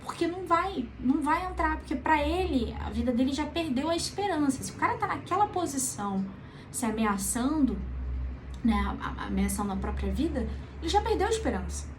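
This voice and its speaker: Woman teaching psych stuff, chatty and calm, keeps asking right?, slightly high voice, faint hiss behind. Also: brisk. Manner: conversational, frequent tag questions, calm reassuring. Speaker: psychology educator. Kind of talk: casual explanatory lesson.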